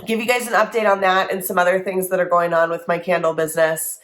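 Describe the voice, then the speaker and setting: A woman's voice: on the low side, flat delivery, quick pace, a bit bright. A young woman talks straight to camera in a loose, rambling way, her voice thick and congested from a cold. She is casual and self-deprecating and drifts from point to point as she chats. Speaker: candle business owner, vlogger. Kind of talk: casual unedited chat to camera.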